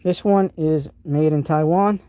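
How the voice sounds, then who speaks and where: Hosting a live stream about tools, this man from New England in the United States shows off gear and answers chat, enthusiastic and rambling, restarting often. His voice is on the high side and unhurried, with a noisy background.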